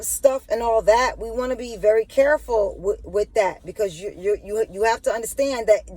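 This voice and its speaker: Her voice is on the high side with a dark tone, captured in a rough recording. The woman hosts a spiritual monologue on her channel, stuttering and repeatedly checking in with "you know what I'm saying."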